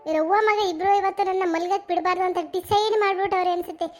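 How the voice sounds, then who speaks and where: A woman voicing a sharp-tongued, fed-up young daughter-in-law in a cartoon comedy, snapping back in exasperation. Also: extremely high pitch, fairly even intonation, fast talker. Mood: exasperated.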